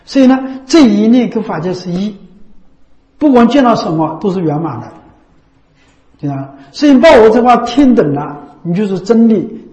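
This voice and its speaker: A man delivers a Buddhist dharma talk in a high, mellow voice, returning again and again to the same phrases and tagging points with rhetorical questions. The sound is roomy and a little dull. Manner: repetitive, asks frequent rhetorical tag questions. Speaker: Buddhist teacher. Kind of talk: dharma talk to a lay audience. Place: Buddha recitation hall. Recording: roomy, slightly dull recording.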